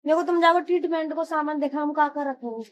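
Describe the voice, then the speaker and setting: A young woman with a sore, hoarse throat, chatting casually through her village vlog, coaxing and scolding family and kids. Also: high-pitched, steady tone, fast, slight background noise. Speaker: village vlogger. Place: outdoors in a village, farmyard and lanes.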